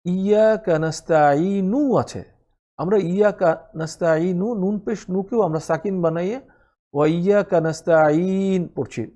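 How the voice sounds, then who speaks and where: A man's voice: on the high side, warm tone. A man teaching Quran recitation in a spoken lesson, explaining each rule patiently and repeating the sounds for practice.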